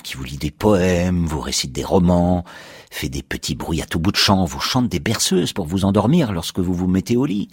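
A man voicing an excitable, sarcastic patient confessing he destroyed his talking house. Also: deep voice, breathy edge, dry recording, studio quality. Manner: excitable, sarcastic, swings to shouting.

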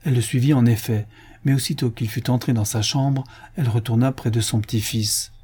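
A man narrating a classic novel as an audiobook reader, measured and even. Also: medium pitch, husky. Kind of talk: scripted narration.

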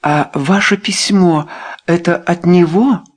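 A fretful, reproachful aristocratic mother, as a male audiobook reader puts her on, her voice lifted well above his own and swinging widely in pitch. She exclaims and scolds in a high-strung, fussy way. It reads like a costume-drama storybook. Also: expressive, a little slow. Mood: indignant.

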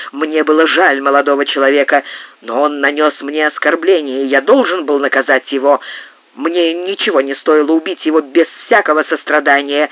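A woman's voice: sits low, no room sound. A woman reading an audiobook, voicing a domineering, jealous marquis who speaks coldly and insinuatingly. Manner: cold, insinuating. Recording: tinny narrow-band dry digitized tape.

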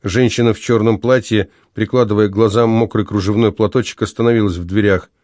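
A man narrating a classic literary story in a measured, expressive reading. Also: lowish voice, dry recording, clean studio sound. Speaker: audiobook narrator.

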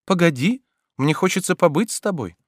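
A man voicing a playful, teasing young woman in an audiobook, lively and capricious. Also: on the high side, a little fast, slightly rough, no echo, studio quality, voice pushed up. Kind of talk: audiobook character reading.

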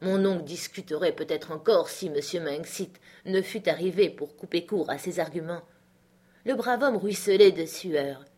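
A woman narrating a classic novel as an audiobook, measured and expressive. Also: fairly low pitch, slightly rough. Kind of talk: literary audiobook reading.

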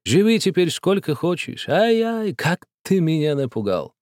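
A man's voice: a little high, sing-song, a little slow, darkish tone, dry recording, clean studio sound, voice pushed up. A man voicing a squabbling old man, grumbling and hissing, raised voice, audiobook character. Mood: placating. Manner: hissing, exasperated then placating. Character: quarrelsome but good-natured old man.

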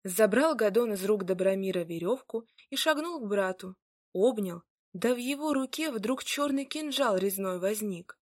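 A woman reads a fairy tale aloud in a lively, dramatic way. Her voice is at a middle pitch. The sound is dry, with no room echo. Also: moderate pace. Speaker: storyteller. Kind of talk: expressive storybook reading.

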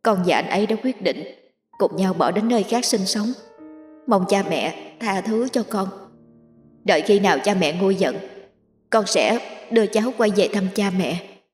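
A woman voicing a young daughter's apologetic farewell letter in a soft, remorseful tone. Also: medium pitch, moderate pace, reverberant, long reverb tail, faint music behind, close to an everyday voice.

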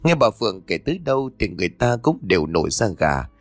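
A man narrating a ghost story with expressive, rising and falling delivery. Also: on the low side, fast, no room sound. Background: faint background music.

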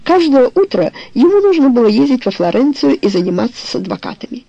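A woman narrating a novel in an even, measured storytelling voice. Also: a little high, gravelly, dry recording, dull audio. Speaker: audiobook narrator. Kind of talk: novel reading.

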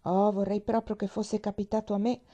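A woman's voice: mid-range voice, little pitch movement, fairly quick, dark tone, highs cut off, natural voice. A woman voicing a cheerful, chatty little girl in a storybook reading, eager and bubbly.

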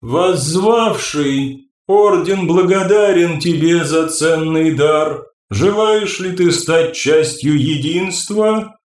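A man voicing a serene, commanding female being made of flesh, speaking slowly and solemnly with a soft, ringing, imperious voice. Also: fairly high pitch, reverberant, voice pushed up. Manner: slow solemn ritual pronouncements.

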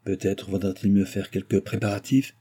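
A man voicing a gentle, timid young noblewoman who speaks softly. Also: lowish voice, flat delivery, moderate pace, husky. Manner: soft, timid and admiring.

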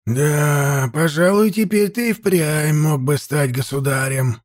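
A man voicing a stern, harsh-voiced old male high priest who lectures sharply, in an audiobook reading. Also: slow, no echo, studio quality. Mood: stern lecturing.

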